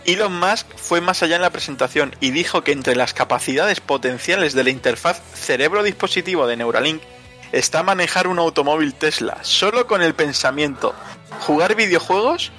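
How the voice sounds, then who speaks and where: A man, chatting casually as a podcast co-host. His voice is bright and sits a bit high, and his talk is lively and joking with casual swearing. Faint music plays underneath. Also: normal speed.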